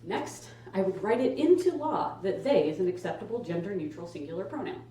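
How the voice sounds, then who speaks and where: A woman's voice: medium pitch, big pitch swings, fairly quick, very noisy. Echoey young woman doing stand-up comedy. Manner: casual, conversational, emphatic. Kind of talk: stand-up comedy set to a live audience. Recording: echoey live room, distant microphone. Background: audience laughter.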